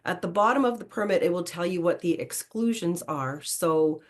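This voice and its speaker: A woman explains procedures in a fairly low voice. She presents informally, as someone walking a group through a program. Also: normal speed.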